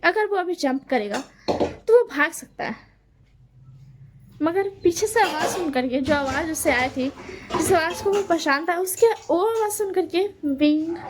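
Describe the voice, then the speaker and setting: A woman's voice: high voice, very noisy. A woman casually retelling a fanfiction story, loose and chatty with fillers and self-corrections, lifting her voice for the quoted lines.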